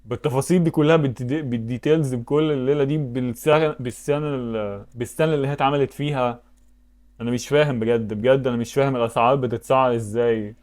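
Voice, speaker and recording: Man, Egyptian Arabic accent, quick casual commentary, sudden exclamations, mid-range voice. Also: medium pitch, darkish tone. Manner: thinks aloud with sudden exclamations. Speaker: YouTuber. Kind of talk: casual commentary while playing web games.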